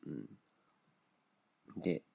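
A man hosting a casual solo podcast, speaking bluntly and opinionatedly with frequent fillers and pauses. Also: warm tone. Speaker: podcast host.

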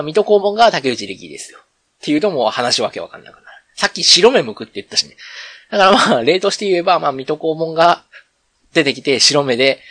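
A man's voice: mid-range voice, a bit bright, breathy edge, no echo. A man with a Kansai accent hosting a solo podcast, chatting in a rambling, conversational way and often correcting himself. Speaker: podcast host. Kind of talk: casual solo radio chat.

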